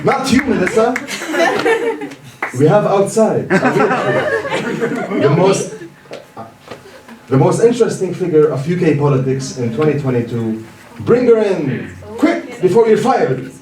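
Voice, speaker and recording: Man acting an excitable, high-voiced panto panel leader. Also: slow pace, pauses often, crowd noise, full character voice. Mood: excited. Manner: exaggerated, theatrical announcing. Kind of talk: amateur pantomime stage acting. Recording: echoey hall, distant mic, audience noise.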